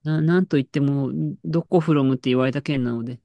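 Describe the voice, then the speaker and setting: A woman's voice: a bass voice, quick pace, dark tone, no room sound, lo-fi sound. A woman in casual chat, telling an anecdote with lots of fillers and restarts. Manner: storytelling with frequent fillers and laughs.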